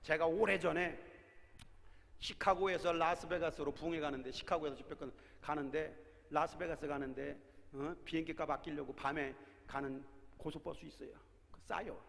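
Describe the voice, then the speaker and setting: A man in his sixties, a pastor preaching a sermon, telling stories and breaking into shouted exhortations, in a large prayer hall. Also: on the high side, normal speed, gravelly. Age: 60s. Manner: animated storytelling with shouted exhortations. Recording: long reverb of a large hall.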